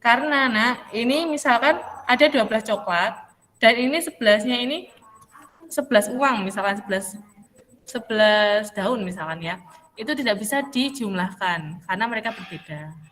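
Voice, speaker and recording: A woman's voice: fairly high pitch, normal speed, a bit bright. Patient teacher woman in a reverberant room. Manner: patient, questioning, calls students by name. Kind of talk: online math class.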